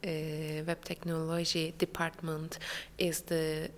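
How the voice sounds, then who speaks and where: A young woman from Turkey, an international student being interviewed, gives casual answers in hesitant non-native English full of fillers. Her voice is deep, gravelly, slow and monotone. There's hall reverb and faint ambience in the recording.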